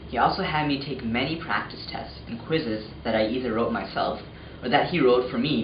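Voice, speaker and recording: A young man telling his story as a student in a plain, earnest scripted testimonial. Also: medium pitch. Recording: echoey, muffled, faint noise.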